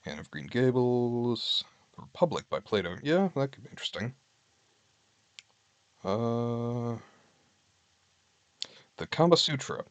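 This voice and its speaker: A man with a medium-pitched, expressive voice speaks slowly with long pauses, his tone clean and free of echo. Streaming from home, he chats casually with viewers in a candid, wry manner, reading list items aloud and commenting on each.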